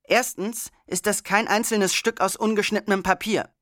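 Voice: medium pitch, steady tone, moderate pace, fairly bright tone, no echo, clean studio sound, voice pushed up, lightly acted. An audiobook reader voicing a pedantic schoolboy who nitpicks and mocks in a slightly raised, sneering tone. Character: know-it-all nitpicking schoolboy.

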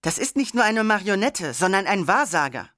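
An excited young schoolgirl , as the audiobook reader puts her on pipes up to show her friends a paper puppet. Her voice sits higher than the narration and bubbles with eagerness. The recording is dry and close, with no room sound. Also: moderate pace, no room sound. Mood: eager.

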